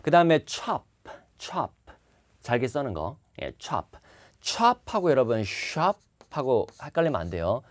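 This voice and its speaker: A man's voice: mid-range voice, very animated, takes it slowly. A man teaching a test-prep lecture to the camera, repeating and stressing key words. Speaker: TOEIC instructor. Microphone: facing the camera.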